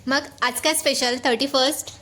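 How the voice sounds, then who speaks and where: A woman's voice: high-pitched, fairly even intonation, moderate pace, pushed and bright, slight background noise. A young woman chatting casually to camera in her home kitchen while coaxing her toddler. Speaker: vlogger and mother. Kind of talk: casual home vlog chat.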